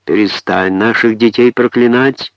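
A man reading an audiobook voices a middle-aged laundry woman shouting and scolding. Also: on the low side, fairly even intonation, unhurried, no echo, highs cut off.

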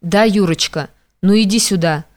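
A woman's voice: mid-range voice, normal speed, a little mellow, close to an everyday voice. A woman reading an audiobook, voicing a frightened young woman who pleads timidly through tears. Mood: pleading.

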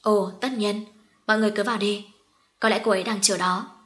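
A woman's voice: mid-range voice, steady tone, brisk, fairly bright tone, lightly acted. A woman reading the lines of a smiling, courteous doctor giving good news. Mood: reassuring. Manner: polite, reassuring. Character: cheerful, courteous hospital doctor.

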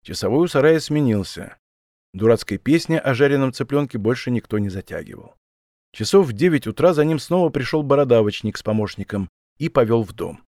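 A man reading a story aloud as an audiobook narrator in an even storytelling manner. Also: mid-range voice, a little fast, no room sound, studio quality. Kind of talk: scripted narration.

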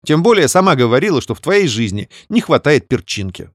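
Bubbly scheming young woman, a man voicing her high and lively, sweet-talking. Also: no room sound, studio quality. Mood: breezy teasing. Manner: fast wheedling chatter.

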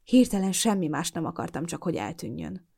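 A woman reading a first-person novel aloud as an audiobook, with expressive, emotional storytelling. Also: fairly low pitch, vocal fry. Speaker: audiobook narrator.

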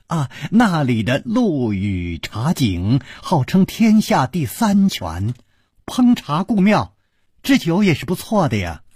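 A man's voice: fairly high pitch, darkish tone, slightly rough, dry recording, studio quality, pitched above the performer's own voice, full character voice. A man voicing a smiling, witty young lady.

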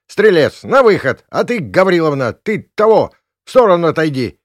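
A man voices a boozy village cop who barks flustered orders, loud and high, pitched above his own voice. The recording is dry and close. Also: expressive, a little slow, no room sound, close to an everyday voice. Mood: angry, blustering. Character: blustering drunk village policeman, man.

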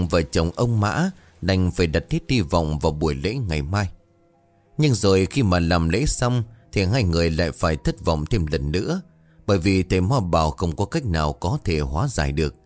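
A man narrates a horror folk tale in a calm, steady way. His voice sits very low, and soft music runs underneath. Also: dry recording.

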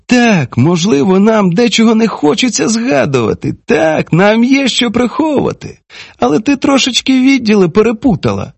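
Stern commanding older woman played by a man, lecturing, lively pitch, dry sound. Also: normal speed, vocal fry, breathy edge, no room sound, full character voice. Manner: forceful, lecturing.

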